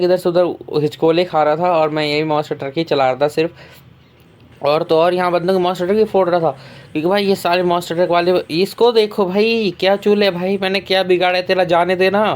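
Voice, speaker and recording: A young man narrates his tournament gameplay in a quick, slangy, chatty way. His voice sits a little above the usual male range. He hurries through every line. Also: high voice. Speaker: gaming YouTuber. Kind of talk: casual gameplay commentary.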